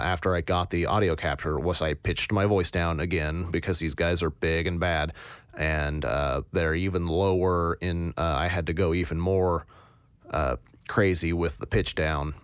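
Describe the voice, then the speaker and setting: A man in the role of sound designer, explaining his process in a casual tutorial with a low, monotone voice, hesitant and thinking aloud. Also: clean tone, dry recording, clean studio sound.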